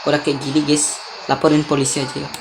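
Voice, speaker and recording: Brief: woman game host, casual let's-play commentary, lowish voice, lots of sighs and asides to viewers. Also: completely flat delivery, fast, background noise. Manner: chatty, sighs and groans, addresses viewers as guys. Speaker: gaming host.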